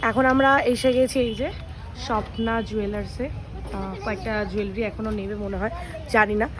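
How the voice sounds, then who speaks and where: A young woman chatting casually as a vlogger, excitable and talkative. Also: medium pitch, fairly quick, noisy background. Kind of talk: casual vlog narration. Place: family home and outings.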